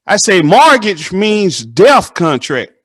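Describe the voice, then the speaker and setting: A man, hosting a casual interview and telling animated stories that act out the dialogue. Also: high voice, takes it slowly, slightly rough. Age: 30s. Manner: animated storytelling, acts out dialogue.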